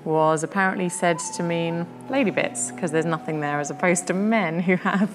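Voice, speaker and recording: A woman hosts a casual podcast chat about poetry, thinking aloud with plenty of fillers. Her voice sits a little low. The recording has a long, trailing reverb with faint music behind. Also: fairly even intonation, normal speed. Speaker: podcast host.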